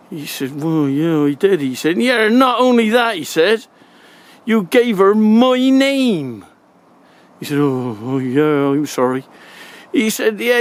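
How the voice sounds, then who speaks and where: An older man with a Wiltshire accent telling a humorous anecdote in a folksy, colloquial, casual way. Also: high-pitched. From Wiltshire, England. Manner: folksy, chuckling, colloquial rural turns of phrase. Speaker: comic storyteller.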